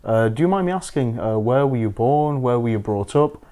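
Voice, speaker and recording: A man's voice: medium pitch, lively intonation, normal speed. A man hosting an interview, asking polite questions with some hesitation and fillers, and also presenting to camera. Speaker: imam and interviewer. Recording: soft guitar music behind.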